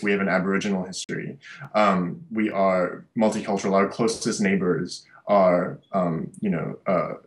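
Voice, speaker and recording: Deep-voiced thoughtful young man. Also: rough recording. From Malaysia and Singapore. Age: young adult. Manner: thoughtful, with many restarts and fillers. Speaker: artist and social worker. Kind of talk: reflective interview monologue. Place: small bright room indoors. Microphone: webcam at desk.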